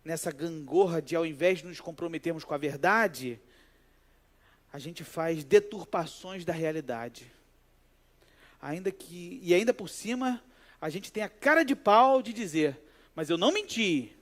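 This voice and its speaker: A pastor delivers a sermon, his voice sitting high for a man. He preaches in a lively, conversational way and weaves personal stories into the message. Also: unhurried. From Brazil.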